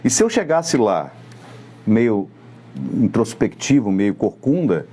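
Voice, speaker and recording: A middle-aged man with a Brazilian Portuguese accent, giving a live lecture as a communication coach in a measured, didactic way, speaking straight to the listener. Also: fairly low pitch, very animated, dark tone, slightly rough.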